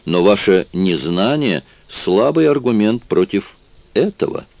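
A coldly sarcastic doctor, calm and mocking, his courtesy thin as paper, as a male audiobook reader voices him. The voice is deep, and the recording is dry and close. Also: measured pace, vocal fry, no echo. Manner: sarcastic, coolly polite. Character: cold, sarcastic personal doctor, middle-aged man.

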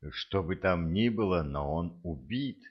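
A man's voice: low voice, animated, measured pace, husky, highs cut off, full character voice. A man voicing a frightened young man who bursts in and talks breathlessly. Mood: alarmed.

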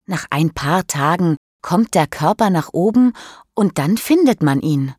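A woman's voice: fairly low pitch, animated, a little slow, a little mellow, breathy edge, no room sound, clean studio sound. A woman voicing a cheeky, joking teenage boy in an audiobook story.

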